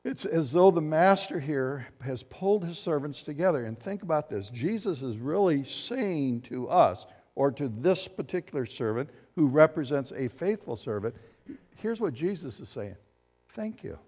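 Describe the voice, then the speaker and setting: A man preaching a sermon as pastor, animated and acting out quotes as he speaks. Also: a little high, big-room sound. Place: church sanctuary.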